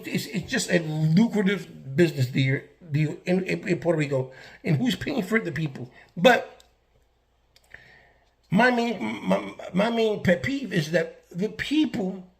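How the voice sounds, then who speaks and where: A man from the Bronx, ranting to camera in a casual, emphatic way, with many restarts and fillers. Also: a little high. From the Bronx, New York. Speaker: vlogger. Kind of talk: casual political rant to camera.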